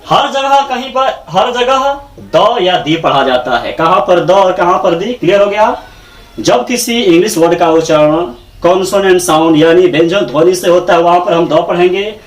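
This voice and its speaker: Animated man teaching in an echoey room. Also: high-pitched, normal speed. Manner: repeats each point in English and Hindi terms, asks rhetorical checks. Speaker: English grammar teacher. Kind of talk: classroom lecture. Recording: echoey room, mic far off.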